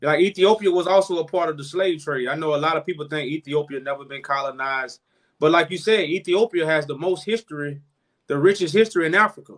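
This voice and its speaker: High voiced guy hosting a live stream, preachy, calls people brother man. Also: quick pace. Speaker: host.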